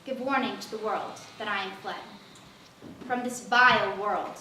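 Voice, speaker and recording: A woman reciting a sonnet as a contestant, in a measured, dramatic delivery. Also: mid-range voice, steady tone. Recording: echoey hall, distant mic, faint noise.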